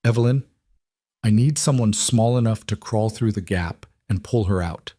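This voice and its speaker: A man voicing a huge, gentle man, exhausted but determined, talking steadily and softly. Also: lowish voice, normal speed, no echo, studio quality, lightly acted. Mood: desperate.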